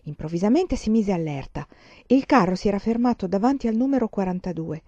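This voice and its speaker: A woman reading a novel aloud as an audiobook narrator, in a measured storytelling manner, on a dull lo-fi recording. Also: medium pitch, animated, mellow, dry recording. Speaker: audiobook reader.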